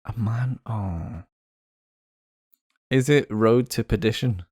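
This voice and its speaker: A man with a lowish voice co-hosts a casual podcast, thinking out loud as he guesses and trailing off with plenty of hesitation. The sound is dry and close, with little room in it. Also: slow, husky, dry recording. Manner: playful, guessing aloud with hesitations. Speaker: podcast co-host. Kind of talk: casual chat.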